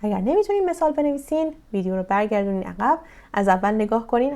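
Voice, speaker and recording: A young woman with a Persian accent teaching English grammar, giving slow, deliberate English examples and quick explanations in Persian. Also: on the high side, gravelly, a little mellow. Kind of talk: grammar lesson.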